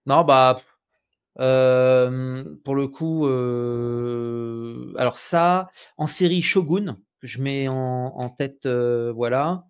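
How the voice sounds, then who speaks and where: A man's voice: medium pitch, slow, smooth. A man with a French accent chatting casually about films on a podcast, full of hesitations and restarts. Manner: animated, many hesitations and restarts. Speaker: podcast host.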